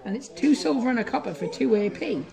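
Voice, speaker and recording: Deadpan woman game commentator. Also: a little high, quick pace, vocal fry, a crowd in the background. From northeast England. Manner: dry, teasing, deadpan asides. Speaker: tabletop wrestling game player and mock commentator. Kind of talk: casual game chat with mock ringside announcing.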